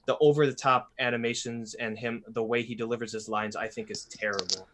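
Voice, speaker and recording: A man hosting a podcast in casual chat, animated and blunt, swearing freely. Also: mid-range voice, fairly quick, noisy background. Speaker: podcast host.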